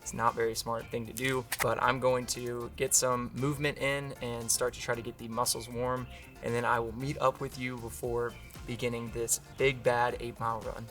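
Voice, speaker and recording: Bright-voiced man chatting casually to camera. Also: medium pitch, flat delivery, moderate pace, far from the mic, soft background music. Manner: informal, explanatory. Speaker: running vlogger. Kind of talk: casual vlog talk to camera.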